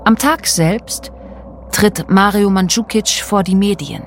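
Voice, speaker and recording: A woman playing the narrator of a surreal audio drama, speaking in a measured, deliberate way. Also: mid-range voice, a little hiss or hum. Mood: matter-of-fact. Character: woman narrator recounting a surreal, tormented dreamlike journey.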